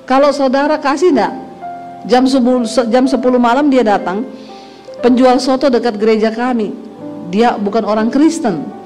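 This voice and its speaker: A middle-aged woman pastor preaching a sermon, telling a personal story with humor. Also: on the high side. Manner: lively storytelling that acts out dialogue with humor.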